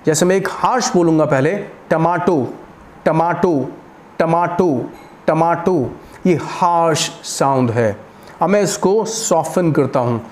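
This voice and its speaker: A man with an Indian accent teaching English pronunciation, slowly repeating words as drills. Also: high-pitched, a little mellow. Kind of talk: accent-training lesson.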